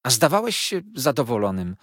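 A tearful, pouting young wife, as a male reader puts her on, pitched well above his own voice and swooping about. Her plaintive lines come out husky and dry, close to the mic, like a storybook read aloud. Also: big pitch swings, moderate pace, no echo, heavily acted. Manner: high, plaintive, sobbing delivery. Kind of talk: audiobook character voice.

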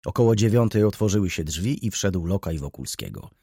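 A man's voice: low-pitched, lively intonation, brisk, vocal fry, dark tone, husky, dry recording, clean studio sound. A man narrating a classic novel as an audiobook, telling the story dramatically in the first person.

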